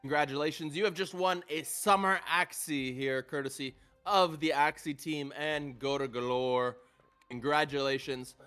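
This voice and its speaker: A man co-casting a live online game tournament, explaining plays in a measured way with frequent fillers. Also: on the high side, steady tone, sharp tone, clean tone, faint music behind. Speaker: esports co-caster. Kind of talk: live esports analysis.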